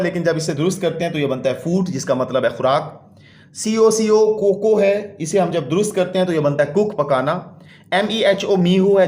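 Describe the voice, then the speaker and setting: A man teaches a children's English exercise. He reads each English sentence slowly before translating it, and his voice rings in an echoey room. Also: high-pitched. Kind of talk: explaining a school English exercise.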